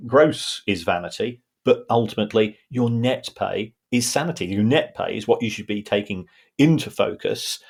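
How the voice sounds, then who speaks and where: A man co-hosting a podcast, a football finance pundit, explains football finance in a casual, talky way. His voice is on the low side, creaky and slightly rough, and he often restarts sentences and repeats words.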